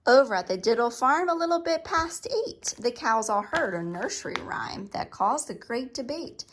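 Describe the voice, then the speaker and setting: A woman reads a children's picture book aloud. Her voice sits a little high, and she delivers the lines expressively, as a storyteller for young listeners. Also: lively intonation, normal speed, slight background noise.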